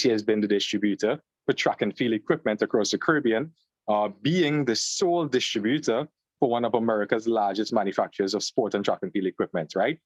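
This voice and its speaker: A young man from Trinidad and Tobago with a Trinidadian accent, a guest on an interview podcast, telling his story in a relaxed way, joining over a video call. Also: on the low side, dry recording. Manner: relaxed storyteller, fillers, "long story short". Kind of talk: conversational interview. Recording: slightly dull, dry call audio.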